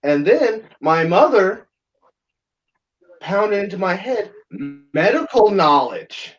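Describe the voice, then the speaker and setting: A man's voice: sits high, very animated, slow pace, faint music behind. Blunt, crude-talking man on a dull stream. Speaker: livestream host. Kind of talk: rambling casual chat. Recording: dull lo-fi sound.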